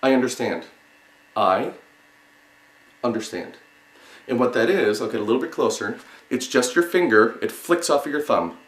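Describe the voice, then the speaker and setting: A man giving an instructional lesson, explaining step by step in a halting way and repeating single words with pauses. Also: mid-range voice, expressive, a bit bright. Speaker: sign language teacher. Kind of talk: instructional lesson, demonstrating word by word. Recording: roomy, echoing sound.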